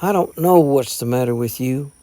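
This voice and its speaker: A man voicing a well-mannered young gentleman boy who speaks in a polite, steady, measured way. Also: mid-range voice, no room sound, lightly acted. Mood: stern.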